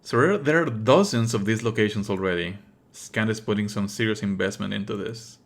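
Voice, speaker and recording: Swearing casually, this man streams a game with live let's play commentary that's expressive, sardonic and exasperated. His pitch is fairly low, his pace brisk, and his voice creaky.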